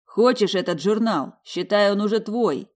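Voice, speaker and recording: A woman voicing a brutish, threatening heavy older man who drags his bellowed threats out slowly in a storybook reading. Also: medium pitch, lively intonation, lightly acted. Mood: leering. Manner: slow, drawn-out bellowing threats.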